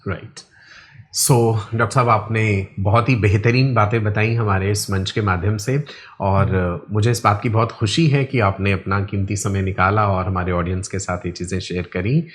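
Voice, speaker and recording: A man's voice: lowish voice, fairly even intonation, normal speed. Man hosting an interview, formal n polite, keeps saying right right. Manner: polite, formal, frequent short affirmations. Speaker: interview host. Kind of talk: hosted interview.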